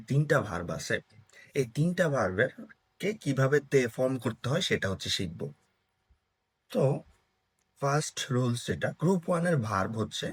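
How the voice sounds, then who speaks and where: Young guy teaching grammar, kinda husky, talks in choppy bits, keeps asking if you got it. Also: mid-range voice. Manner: talks in short broken phrases, checks in with listeners. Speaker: Japanese language teacher. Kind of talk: explaining grammar lesson.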